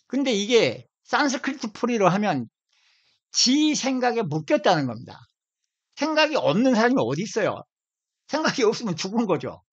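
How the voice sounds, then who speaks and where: A man from Seoul lectures in an informal video, his pitch rising and falling in a lively way. He is emphatic and keeps repeating single words and drawing them out slowly. The audio is dull and lo-fi. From Seoul, South Korea. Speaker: lecturer on language origins.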